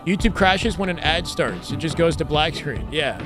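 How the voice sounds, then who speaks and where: A man live-streaming casual game commentary, chatting with viewers and hyping their support with slang shout-outs. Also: on the high side, expressive, normal speed, over music. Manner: hype slang, thanking and welcoming viewers.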